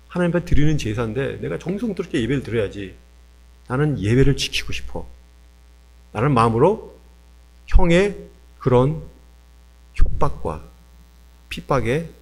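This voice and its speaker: Guy pastor giving a sermon, lively up and down voice, keeps asking the people questions. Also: mid-range voice, vocal fry, slight background noise. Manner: animated storytelling, asks the congregation questions.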